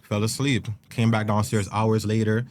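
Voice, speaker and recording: Animated storyteller man, low voice. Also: moderate pace. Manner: animated, acts out quotes, swears freely. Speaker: guest musician. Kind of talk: casual storytelling. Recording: faint background noise.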